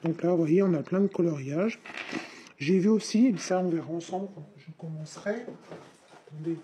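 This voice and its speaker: A woman's voice: fairly low pitch, moderate pace, noisy background. A woman's synthetic text-to-speech voice, chatting informally and in a rambling way through a casual unboxing vlog. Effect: synthetic voice replacing the speaker's own. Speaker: craft vlogger.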